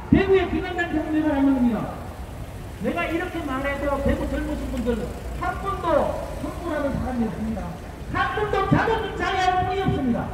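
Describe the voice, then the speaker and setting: A man with a Daegu Gyeongsang accent giving a fiery political rally speech outdoors, shouting slogans and firing rhetorical questions at the crowd. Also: very high voice. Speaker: rally speaker. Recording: echoey outdoor street, long reverb, faint noise.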